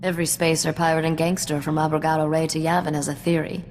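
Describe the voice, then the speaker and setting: In a video game cutscene, an actress with a low, level, slightly mellow voice speaks fast and lightly acted as a shrewd, self-assured mechanic among space smugglers, dry, sardonic and wry. There's a long reverb tail and slight background noise.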